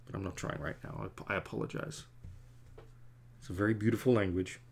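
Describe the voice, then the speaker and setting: A comic artist in his forties rambles to his stream viewers from the drawing desk in his home studio, poking fun at himself as he draws. His voice sits fairly low with fairly even intonation, moves a little fast, and has a creaky, breathy edge.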